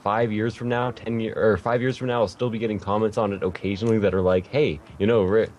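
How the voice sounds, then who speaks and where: A man's voice: on the low side, level tone, fast talker, a little mellow, dull audio. A man hosting a podcast interview, chatting casually and rambling a little, correcting himself as he goes. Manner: rambling, self-correcting, light laughter. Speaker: podcast host.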